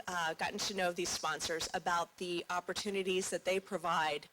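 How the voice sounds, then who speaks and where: A woman's voice: lowish voice, noisy background. A woman, a conference marketing director, giving a welcome speech from the stage and telling a chatty anecdote.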